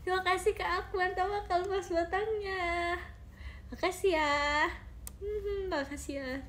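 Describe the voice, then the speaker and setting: A woman's voice: extremely high pitch, fairly even intonation, unhurried, fairly bright tone, a little hiss or hum. A young woman chatting casually on a phone live stream from home, giggly and reading viewer comments aloud. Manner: chatty and giggly, often addresses viewers as guys.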